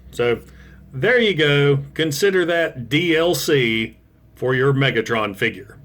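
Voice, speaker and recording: American guy doing a casual toy review, slightly high voice, enthusiastic and informal fan talk. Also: a bit bright. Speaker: toy review video host. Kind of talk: casual product review to camera.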